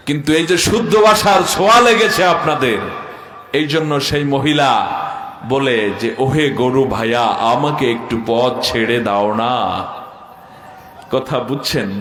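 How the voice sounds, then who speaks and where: Man preaching through an echoey loudspeaker. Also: fairly high pitch. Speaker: preacher at a Quran commentary gathering. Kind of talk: Bengali waz sermon. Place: outdoor religious gathering with loudspeakers. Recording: echoey public address sound.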